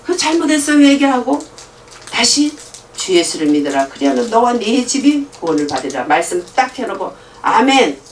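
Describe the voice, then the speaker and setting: Middle-aged lady preacher, high lively voice, acts out the dialogue, kinda distant in a big echoey room. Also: moderate pace, a little hiss or hum. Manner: animated, acts out dialogue in different voices, laughs often. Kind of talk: sermon with storytelling.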